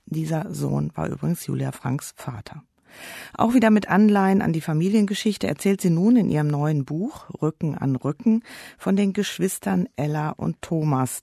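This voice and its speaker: Radio book host guy, kinda high voice, mellow and gravelly, reads his script calmly, dry sound. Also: no echo.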